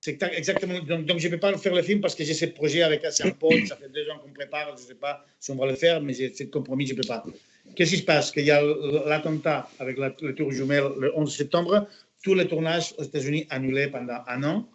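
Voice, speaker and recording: A man who is an actor and interview guest, telling anecdotes in a lively way, with many restarts and bits of English mixed in. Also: on the high side, fairly quick, highs cut off. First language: Catalan. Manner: animated storyteller, many restarts, mixes in English phrases.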